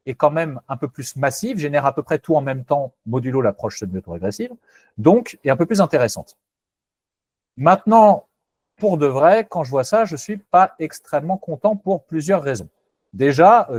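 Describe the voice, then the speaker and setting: A man's voice: a little high, darkish tone, no room sound. A man presenting a technical webinar, hesitant and self-correcting, candid and skeptical in tone.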